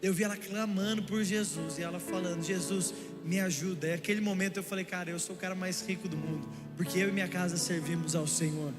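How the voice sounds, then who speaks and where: A young man with a Brazilian Portuguese accent preaching a sermon, telling lively stories and speaking straight to the congregation. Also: sits high, fast, few pauses. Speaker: pastor. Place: church hall. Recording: echoey church hall with music.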